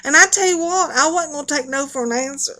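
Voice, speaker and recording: A woman's voice: sits high, quick pace, bright, forceful tone. A middle-aged woman with a folksy Appalachian accent, chatting casually and rambling along to her online viewers. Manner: folksy, chatty, laughs often. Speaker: video blogger.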